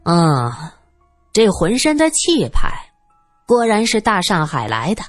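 A woman's voice: mid-range voice, huge pitch swings, takes it slowly, no room sound, exaggerated voice. A scheming old great-aunt, as a woman reads her part, her cold voice sneering with sly barbs. The delivery swings widely in tone, and the dry recording has a faint thread of music under it. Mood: cool.

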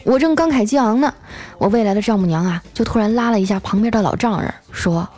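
A woman hosting a show of funny stories, chatty, tacking a drawn-out filler onto her phrases. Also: mid-range voice, a little mellow. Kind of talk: comic storytelling.

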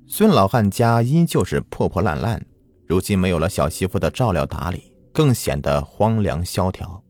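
A man's voice: sits low, big pitch swings, moderate pace, darkish tone. A man narrating a folk ghost story in a dramatic, lilting storytelling manner.

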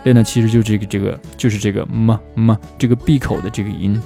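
低沉柔和的男老师. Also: male voice, fairly low pitch, fairly even intonation, gravelly, warm tone, soft background music. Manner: slows down to drill English phrases. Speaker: English pronunciation teacher. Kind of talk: spoken language lesson.

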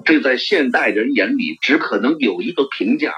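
Guy reading a novel aloud, really animated intonation, mid pitch, dull audio. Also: moderate pace. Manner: expressive storytelling. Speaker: audiobook narrator. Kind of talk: novel narration. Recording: dull lo-fi recording.

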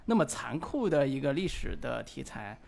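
A middle-aged man in his forties, co-hosting a podcast and talking slowly and reflectively about a film, with frequent hesitant fillers. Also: mid-range voice, very animated, gravelly, darkish tone. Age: 40s. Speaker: podcast co-host. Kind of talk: casual film discussion.

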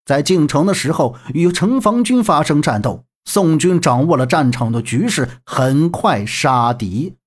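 Narrator for a historical serial, slow, lively pitch, husky voice. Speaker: storyteller.

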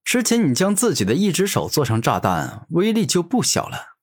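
A man voicing an arrogant young male hero who talks in a calm, teasing way in an audiobook. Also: fairly high pitch, moderate pace, voice pushed up. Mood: mocking. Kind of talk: audiobook character voice.

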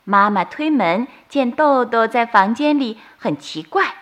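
A woman storyteller narrating a bedtime story for children in a slow, soothing manner. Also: a little high, expressive, fairly bright tone. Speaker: storyteller host.

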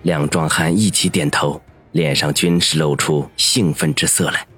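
A man narrating a story with steady storytelling in an audiobook. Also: extremely low pitch, normal speed, slightly rough, soft background music. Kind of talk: scripted narration.

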